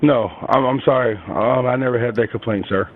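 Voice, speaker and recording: A man's voice: medium pitch, a little fast. A man answering the phone as a restaurant employee, talking in casual customer service style. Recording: tinny narrow phone line.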